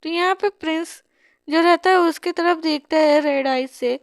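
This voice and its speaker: High-voiced Hindi-accented woman retelling a comic. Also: normal speed, no room sound, studio quality. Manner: chatty, many fillers and restarts. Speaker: comic explainer. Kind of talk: casual storytelling narration.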